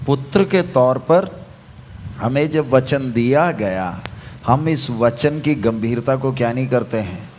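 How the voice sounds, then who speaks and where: Slow, emphatic preacher man. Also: medium pitch, animated, darkish tone, a little hiss or hum. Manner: asks the congregation questions and waits for answers; emphatic, repeats key phrases. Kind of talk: sermon to a congregation.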